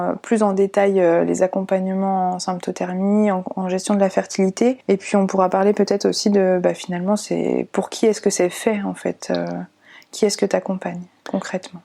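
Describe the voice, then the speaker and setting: A woman's voice: mid-range voice, vocal fry, dark tone. A woman from France hosting an interview, asking long, searching questions with hesitations. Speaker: host, naturopath.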